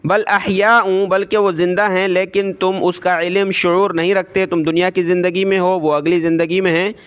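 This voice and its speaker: A man teaching Quran recitation, spelling out letters and vowel marks, then chanting each verse slowly. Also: high-pitched, level tone, clean tone. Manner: slow drawn-out chanting of verses.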